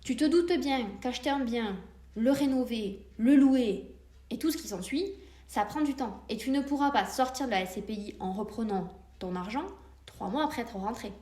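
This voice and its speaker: A woman's voice: fairly high pitch, moderate pace, mellow, echoey room. A woman hosting a solo podcast, explaining investments step by step and speaking directly to the listener in a friendly way. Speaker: podcast host.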